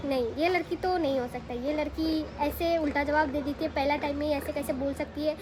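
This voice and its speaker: A young woman from from tells a personal story in a chatty, animated way. She keeps turning to the listener with quick rhetorical asides. The recording carries a clear hiss of background noise. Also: high voice. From Assam, India. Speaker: vlogger. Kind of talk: casual storytelling to camera.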